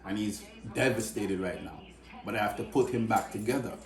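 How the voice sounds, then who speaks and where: A man's voice: lowish voice, brisk. A man from Canada telling an emotional personal story in casual conversation, acting out the voices of people in it. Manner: emotional, animated, acts out quoted voices. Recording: echoey room.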